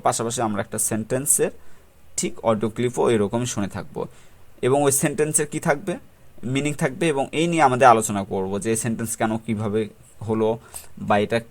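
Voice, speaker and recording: A man with a Bangladeshi accent, teaching English vocabulary in a tutorial, who poses rhetorical questions and mixes in English terms. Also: medium pitch. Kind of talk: explanatory tutorial talk.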